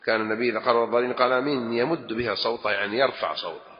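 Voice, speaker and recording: A man, a religious scholar, delivers a lesson with emphasis and acts out the phrases he quotes. His voice sits at a middle pitch and carries a long reverb from a large hall. The recording is dull and lo-fi with a faint hiss underneath. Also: rapid-fire. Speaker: religious scholar answering questions.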